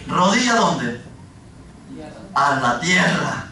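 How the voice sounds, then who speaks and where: High, bright-voiced preaching man in echoey church. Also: sing-song, very slow. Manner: fervent preaching, often shouting. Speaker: pastor. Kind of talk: sermon. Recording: echoey church hall, from far off.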